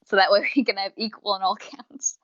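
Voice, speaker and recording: Speaking briskly at a medium pitch, this young podcast co-host and reviewer chats her way through a casual fan discussion. She rambles, talks a lot, and animates her retellings by performing quotes. There's no echo, though the voice recording sounds dull and lo-fi.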